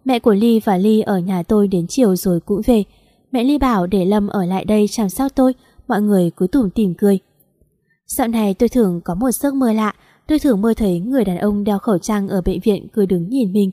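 A woman reading a first-person story aloud in a steady, plain way. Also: medium pitch, fairly quick, no echo, studio quality. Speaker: story reader.

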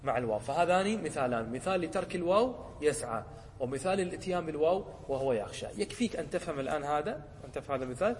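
A man, a sheikh teaching a lesson, who explains a poem, often checks whether his students follow, and slows down to quote examples. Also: a little high, lively intonation, big-room sound, a little hiss or hum. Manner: asks the class short checking questions. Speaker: sheikh teaching Arabic rhetoric.

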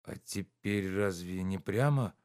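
Man voicing a fretful, grumbling gentleman. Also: sits low, a little slow. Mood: anxious. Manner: worried, grumbling, impatient.

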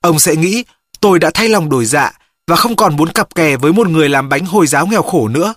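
A narrator reading a novel aloud in steady first-person storytelling. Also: medium pitch, breathy edge, no echo, studio quality. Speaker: audiobook narrator. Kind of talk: scripted audiobook narration.

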